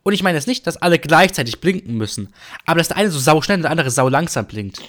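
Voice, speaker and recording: A man's voice: a little high, animated, fast talker, fairly bright tone. A man co-hosting a casual podcast chat, joking around and rambling on between topics. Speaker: podcast co-host.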